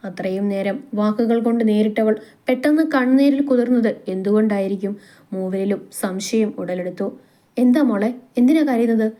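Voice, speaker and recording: A woman narrating a romantic story with a steady, even reading. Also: medium pitch.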